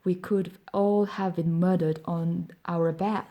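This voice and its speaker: A woman's voice: lowish voice, steady tone, slow, highs cut off, slight background noise. A woman playing an alarmed shopkeeper's wife. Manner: breathless and alarmed. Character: frightened, indignant shopkeeper's wife.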